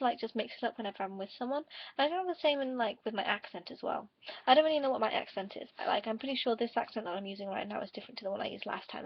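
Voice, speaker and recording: A tired woman rambling casually to camera in a subdued vlog, on a dull, low-quality recording. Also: gravelly, slightly rough, no echo. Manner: rambling, subdued and quieter than usual. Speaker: vlogger. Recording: dull lo-fi dry home recording.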